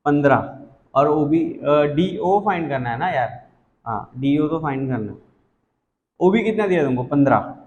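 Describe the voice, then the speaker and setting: A man's voice: a little high, animated, moderate pace, pauses often, a little mellow. A young man teaching a math lesson, chatty and reassuring, teasing his students as he works sums aloud. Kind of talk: casual whiteboard math lesson. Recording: echoey room, dull lo-fi sound.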